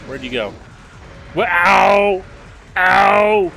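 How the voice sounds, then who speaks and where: A man hosting a let's play, commenting on a video game with excitable, yelping reactions. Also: high-pitched, very slow, vocal fry, soft background music.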